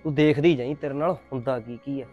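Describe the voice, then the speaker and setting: A man playing a loud vengeful man. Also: medium pitch, fairly even intonation, quick pace, lo-fi sound, soft background music, lightly acted. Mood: angry, scheming. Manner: loud, threatening and scornful. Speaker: vengeful man spying on the heroine. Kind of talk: short film acting.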